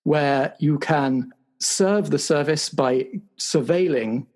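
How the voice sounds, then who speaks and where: A man with a fairly high, darkish voice speaks slowly, playing an awkward, apologetic spy agency bureaucrat in an improvised roleplay show. He stammers officiously through a debrief, offering formal, halting praise.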